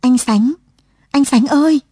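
A woman reading the part of a young mother in a radio story, bewildered and tearful, her husky voice rising higher than her narration. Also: lively intonation, brisk, mellow, no echo, studio quality. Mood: crying out.

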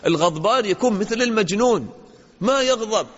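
Sheikh teaching kids in a hall. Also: male voice, high-pitched, animated, brisk. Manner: questions pupils, praises answers, acts out dialogues. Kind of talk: interactive religious lesson. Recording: dull lo-fi audio in a reverberant hall.

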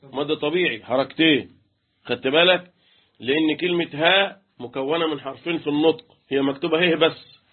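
A fairly high-pitched man with a breathy edge speaks a little fast as he teaches Quran recitation rules, quizzing students and chanting letters. He has an Egyptian Arabic accent, the lesson is interactive tajweed, and the sound is tinny, like a phone.

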